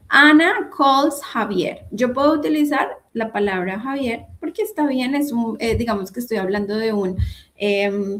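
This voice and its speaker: Slow, patient woman teaching English. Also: on the high side. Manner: patient, repeats and spells out examples. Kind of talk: online English grammar lesson.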